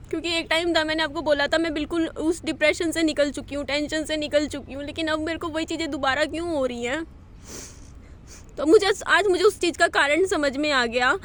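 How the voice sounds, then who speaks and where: A woman's voice: high voice, fairly bright tone. A young woman vlogging outdoors in a park, talking in a tearful, confiding and distressed way. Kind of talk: emotional personal vlog.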